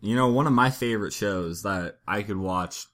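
A young man from Brooklyn co-hosting a podcast, cracking deadpan jokes in casual chat. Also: on the low side, moderate pace. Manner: jokey, deadpan. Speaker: podcast co-host.

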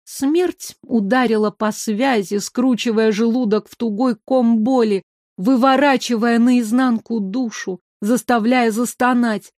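A woman narrating an audiobook with an expressive storytelling manner. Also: a little high, a little slow, no echo, clean studio sound.

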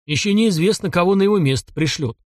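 A man voicing a stout, tired older constable who talks gruffly and grumbles. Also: sits high, fast, dry recording, clean studio sound, voice pushed up, lightly acted. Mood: grumbling. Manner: gruff, mutters and sighs.

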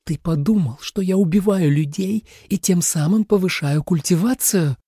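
A man's voice: sits high, moderate pace, mellow, husky, no echo, clean studio sound, pitched above the performer's own voice. A man voicing a proud, touchy young female snake spirit who hisses and takes offense easily. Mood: indignant. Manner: hissing, offended.

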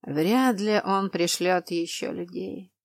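A stern, tired nobleman, as a woman reader voices him, his voice dropped low and his words slow and clipped. He sounds like a storybook duke used to giving orders. The reading is dry and close. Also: no room sound. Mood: weary.

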